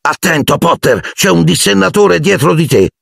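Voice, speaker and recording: Brief: a man playing a sneering snobbish schoolboy, raised pitch, husky edge, haughty. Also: lively intonation, normal speed, dry recording, studio quality, full character voice. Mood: taunting. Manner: mocking, haughty and taunting. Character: sneering snobbish teenage boy wizard, spiteful.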